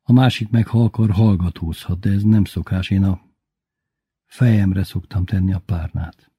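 A man reading a first-person story aloud in measured, unhurried narration. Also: deep voice, steady tone, mellow, breathy edge, no echo. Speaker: audiobook reader.

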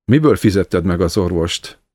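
Egy férfi, aki egy szigorú, kérlelhetetlen öregasszonyt szólaltat meg mogorva, kurta mondatokkal. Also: male voice, sits low, animated, a little mellow, no echo. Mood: stern. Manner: curt, harsh, grumbling. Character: stern, unforgiving old woman, a hard mother-in-law.

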